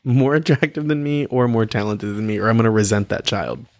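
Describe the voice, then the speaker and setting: A man's voice: lowish voice, a little fast, no room sound, studio quality. A man co-hosting a casual podcast chat, laughing often, rambling and swearing freely. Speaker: podcast co-host.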